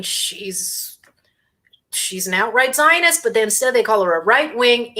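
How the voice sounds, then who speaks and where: A woman's voice: mid-range voice, bright, forceful tone. A woman hosting a casual livestream, talking in a sarcastic, scornful way and eating a sandwich between remarks. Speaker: host.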